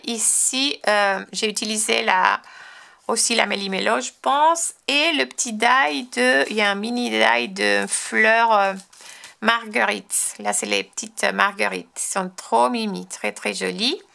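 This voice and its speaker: Gravelly-voiced French woman showing crafts. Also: on the high side, fairly even intonation, a little slow, pushed and bright. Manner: chatty, enthusiastic, frequent restarts and fillers. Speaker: crafting tutorial host. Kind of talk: casual show-and-tell tutorial.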